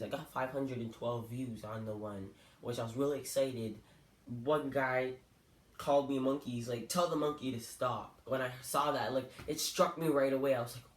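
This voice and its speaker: A young man from Canada telling personal stories to camera in an earnest, hurt, candid way. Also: mid-range voice. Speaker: vlogger. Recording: echoey room.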